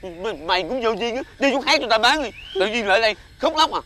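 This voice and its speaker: A man's voice: high voice, animated, quick pace, sharp tone, slight background noise. A man playing a brusque, mocking incense seller in a TV fairy-tale drama.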